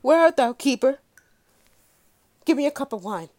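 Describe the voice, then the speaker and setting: A woman's voice: fairly low pitch, measured pace, low-quality recording. A woman playing a frightened, guilt-ridden male duke in prison, speaking in classical stage verse. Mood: pleading. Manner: fearful, pleading classical verse.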